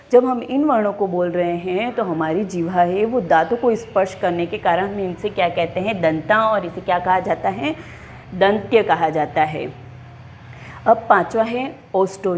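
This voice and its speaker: A woman teaching a class, speaking slowly and clearly, spelling out each sound and asking her pupils questions as she goes. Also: medium pitch, darkish tone. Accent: Hindi. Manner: slow, deliberate, enunciating each sound and posing questions to pupils. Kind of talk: classroom lesson.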